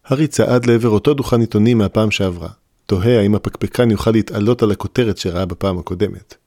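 A male audiobook narrator reads a fantasy story in a low, even voice. The recording is dry and close, with no room sound. His reading is steady and measured. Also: no room sound. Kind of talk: scripted narration.

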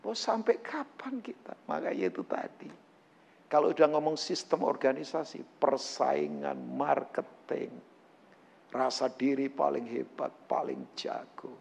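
A man preaching a sermon to his congregation, animated and joking, acting out quotes. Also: mid-range voice, unhurried, gravelly, husky, big-room sound. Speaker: pastor. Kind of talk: lively sermon.

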